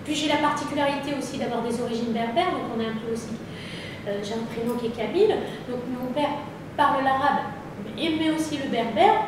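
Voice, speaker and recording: A middle-aged woman speaks in a fairly high voice, earnest and halting, with frequent pauses and restarts. She sounds far from the mic in a very echoey room. Steady background noise runs underneath. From France. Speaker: interviewee. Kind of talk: personal testimony in conversation.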